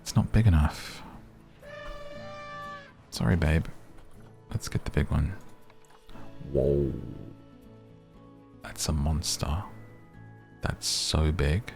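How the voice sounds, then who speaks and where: A man with a hoarse, raspy, strained voice, giving relaxed, rambling game commentary meant for sleep and muttering to himself as he plays. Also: very deep voice, very slow, pauses often, soft background music. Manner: chatty, muttering to himself while playing. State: voice going hoarse. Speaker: gaming video creator and podcaster.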